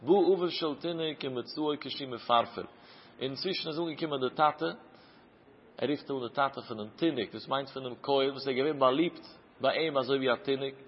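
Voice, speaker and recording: A man's voice: mid-range voice, moderate pace, a little hiss or hum. A man teaching a traditional Talmud lecture, chanting the source text and explaining it through questions. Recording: dull lo-fi recording with long hall reverb.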